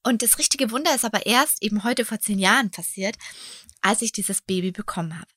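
A woman in her forties, hosting a podcast and telling a personal story in a chatty way, often dropping into hushed near-whispers. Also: medium pitch, a little fast, dry recording, clean studio sound. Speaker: podcast host.

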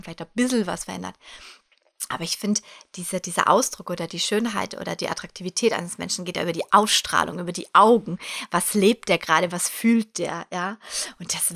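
Podcast host, woman in her 40s, mid-pitched voice, lively and encouraging, speaks straight to the listener. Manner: animated, talks straight to the listener. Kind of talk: personal motivational monologue.

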